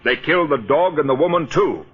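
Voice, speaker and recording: A man playing a tough, commanding police detective in a 1940s radio drama, brisk and insistent. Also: a little high, breathy edge. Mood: urgent. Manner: brisk, insistent, takes charge. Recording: muffled 1940s radio broadcast.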